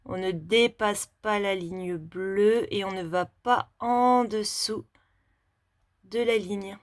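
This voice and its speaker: A woman teaching young children handwriting, talking slowly step by step as she writes. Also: medium pitch. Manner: slow, step-by-step demonstration while writing.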